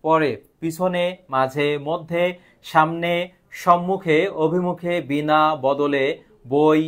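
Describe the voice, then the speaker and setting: Man teaching grammar, a little high. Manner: asks questions and answers them himself. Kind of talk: live online grammar lesson.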